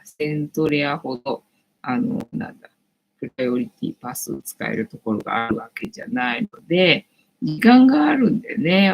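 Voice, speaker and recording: A woman's voice: low-pitched, creaky, rough recording. A woman in her late forties hosting a casual livestream from home, rambling chattily with lots of fillers. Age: late 40s. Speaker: livestream host.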